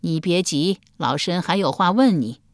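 A woman's voice: fairly low pitch, normal speed, no room sound, clean studio sound, natural voice. A woman voicing a shrewd, stern elderly grand empress dowager who speaks coldly and commandingly in a storybook reading. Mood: imperious. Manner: cold, imperious, scolding.

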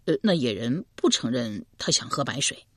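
A woman's voice: extremely low pitch, very animated, normal speed, a bit bright, dry recording, studio quality, voice pushed down, exaggerated voice. A woman voicing a cheeky, uneducated male house servant who talks brashly and hurriedly. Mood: fumbling.

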